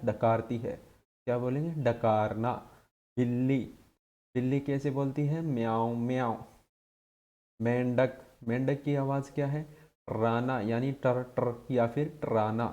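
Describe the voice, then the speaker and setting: A man with a dark, mellow voice teaching an exam-prep lesson. He keeps asking short questions and answers each one himself in a steady drilling rhythm. His pitch sits in an ordinary middle range.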